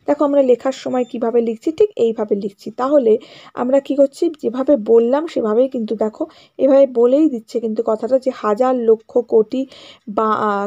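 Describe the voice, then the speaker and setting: A woman's voice: a little high, dark tone. A woman teacher with a West Bengal Bengali accent gives a grammar lesson, explaining step by step, checking often that students follow, and mixing English words into her talk. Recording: dull lo-fi sound.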